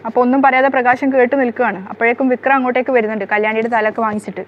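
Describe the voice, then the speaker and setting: Woman narrator, fast running recap, slightly high voice. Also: fairly even intonation, highs cut off, a little hiss or hum. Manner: rapid, breathless retelling.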